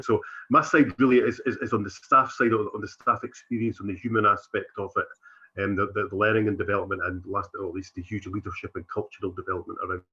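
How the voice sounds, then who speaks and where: Civil servant, bright low voice. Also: male voice, dull audio. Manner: steady, with restarts. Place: video call.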